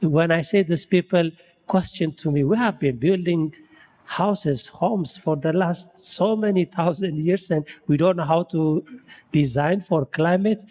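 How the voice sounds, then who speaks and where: A building science researcher from Ethiopia, his voice fairly high, a little slow and a little mellow, addresses a panel discussion on buildings and climate in a large hall. He reasons out loud, searches for his words and leans often on "you know."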